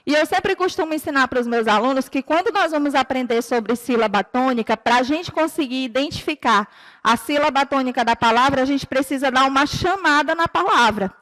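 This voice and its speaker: A Brazilian woman teacher giving a recorded lesson to children, explaining patiently and clearly and drawing out her example words. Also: high voice, fairly quick, fairly bright tone, long reverb tail. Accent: Brazilian Portuguese. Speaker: primary school teacher.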